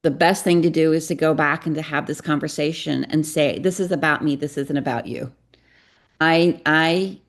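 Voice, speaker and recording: A middle-aged woman, a psychotherapist and parenting coach appearing as a podcast guest, speaks in a deep, gravelly voice. She tells her story earnestly and confessionally, acting out bits of dialogue along the way.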